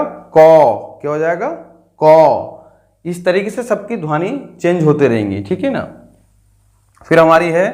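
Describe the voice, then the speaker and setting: A man teaching young children to read, sounding out each syllable and repeating it, checking in often as he goes. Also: fairly high pitch. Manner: drills syllables aloud, keeps checking with "theek hai". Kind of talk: slow patient Hindi alphabet lesson for children.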